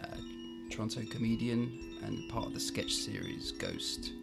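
A man working as a podcast producer, introducing and chatting casually in a halting way. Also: lowish voice, huge pitch swings, vocal fry, over loud music.

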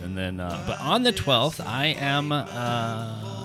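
An American man hosts a casual comedic news podcast, rambling through jokey opinions and throwing rhetorical questions at his listeners. He speaks slowly at a medium pitch with lively intonation, over music.

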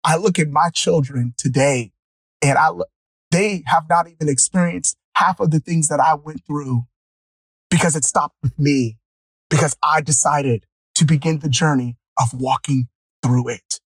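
A man's voice: a little high, unhurried, slightly rough, no room sound. Earnest middle-aged man, dry sound. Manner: earnest, emotional, preacher-like build-ups. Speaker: motivational speaker. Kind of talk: personal testimony talk.

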